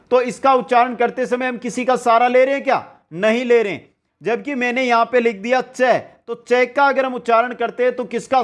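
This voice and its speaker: A man teaching an online grammar class, explaining step by step and answering his own questions as he goes. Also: high-pitched. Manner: drags out sounds and counts slowly.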